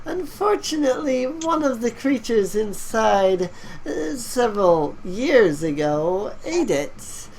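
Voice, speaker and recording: A woman's voice: fairly high pitch, very animated, takes it slowly, a little mellow, a little hiss or hum, voice pushed up, heavily acted, rough recording. A woman voicing a smug, cryptic, cackling skeleton guardian in a tabletop game, in a teasing, lilting skeleton voice.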